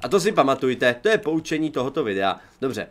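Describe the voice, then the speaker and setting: A young man, commentating his own survival game playthrough, chatty and joking, with excitable outbursts. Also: mid-range voice. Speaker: gaming YouTuber. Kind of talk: let's play commentary.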